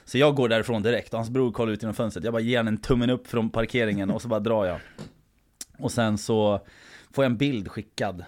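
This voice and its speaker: A man's voice: fairly low pitch, fairly even intonation, a little mellow. A man telling a long anecdote in casual podcast chat, acting out quotes and swearing casually.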